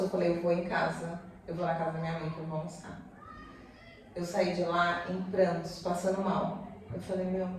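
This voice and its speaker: A woman giving a personal testimony as a guest, telling her story in an animated way and acting out the conversations. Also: on the low side, slight background noise. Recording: echoey room, far from mic.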